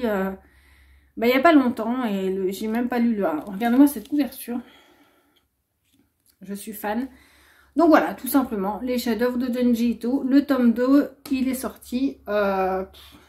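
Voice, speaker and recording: Young woman booktuber, chatty and rambly, mellow and a bit high. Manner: chatty, rambling, many filler "euh"s. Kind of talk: casual book haul vlog.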